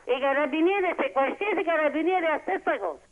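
Over a thin, tinny phone line, a middle-aged Neapolitan woman speaks in a high-pitched voice. She protests insistently and repeats her phrases as she argues. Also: fast talker. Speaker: phone-in prank target. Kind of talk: agitated phone conversation.

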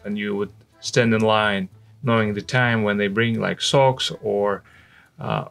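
A man's voice: medium pitch, creaky, a bit bright. A man in his forties from Russia with a Russian accent, recalling his life conversationally as an interview guest, close to a studio microphone. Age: 40s. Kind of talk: conversational personal recollection. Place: indoor studio. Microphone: microphone on a stand, close.

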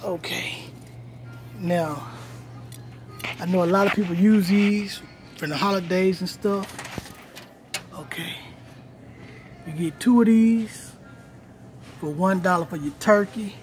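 High-voiced man filming a store walkthrough. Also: takes it slowly, pauses often, over music. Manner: repetitive, pointing out prices to viewers. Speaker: vlogger. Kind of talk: casual shopping walkthrough. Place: large store aisle indoors. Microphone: phone held at arm's length. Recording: noisy store ambience.

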